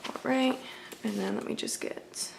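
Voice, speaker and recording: Her voice sits on the high side and sounds gravelly, at a normal pace, with a slight hiss or hum behind it. She's acting out an ASMR scene as an obliging, friendly clerk at a video game shop, keeping the customer-service talk casual, courteous and full of apologies.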